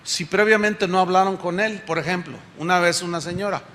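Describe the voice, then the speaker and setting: A pastor preaching a sermon, telling stories and acting out what people said. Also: male voice, sits high, brisk, a bit bright. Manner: storytelling, acts out quotes. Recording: echoey hall.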